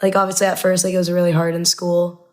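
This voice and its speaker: Speaking quickly in a fairly low, slightly mellow voice with a level tone, a young woman guest on a podcast shares casual personal recollections. She is an American from Indianapolis whose native language is Arabic, and "like" turns up constantly in her sentences.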